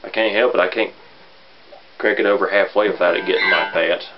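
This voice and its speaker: Low-voiced man with an Appalachian hillbilly accent. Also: steady tone. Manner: halting, self-deprecating. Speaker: amateur gear reviewer. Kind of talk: casual rambling product demo. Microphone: camera on a tripod. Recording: dull lo-fi camera audio. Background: bass guitar and amp sounds.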